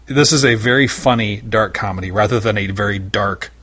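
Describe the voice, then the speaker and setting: A man's voice: on the low side, fairly quick, bright, forceful tone, slightly rough. A man talking as a panelist on a casual podcast, rambling and hesitant with many fillers.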